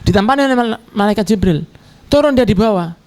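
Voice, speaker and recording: A man delivers a storytelling sermon. He slips into the characters' voices, and his pitch jumps up and down as he does. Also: lively intonation, fast, a little mellow. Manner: acts out characters' lines with shifting pitch. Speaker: preacher.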